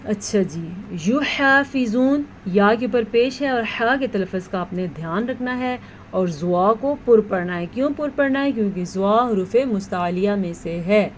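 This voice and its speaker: A woman teaching a tajweed lesson, explaining rules patiently and reciting words slowly. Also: medium pitch, a little hiss or hum.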